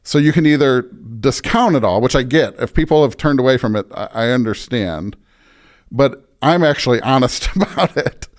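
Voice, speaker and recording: This is an American man taking the part of a pastor, explaining what he believes during a conversational podcast interview. He sounds mid-range and expressive at a moderate pace, earnest and emphatic, and keeps checking in with "right?" and "you know".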